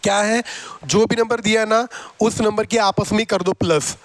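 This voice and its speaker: A man's voice: high voice, steady tone, normal speed, dry recording. A man teaching a math class, teasing and coaxing his students as he goes. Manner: coaxing and repetitive.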